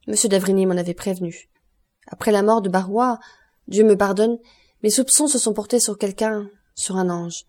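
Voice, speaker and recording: A woman reading the part of a cold, stern male magistrate who accuses with measured contempt in an audiobook. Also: medium pitch, mellow, close to an everyday voice.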